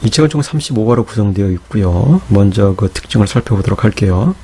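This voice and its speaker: A middle-aged man giving a patient Greek grammar lecture, asking rhetorical questions and slowing down to sound out syllables. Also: fairly low pitch, lively intonation, dark tone, husky. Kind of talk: explanatory lecture.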